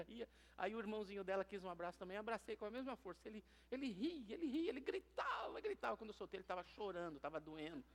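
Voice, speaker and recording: A man with a Brazilian accent, a pastor preaching a lively, humorous sermon in a church, moving from soft asides to loud calls to the congregation. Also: high voice. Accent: Brazilian Portuguese. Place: church sanctuary.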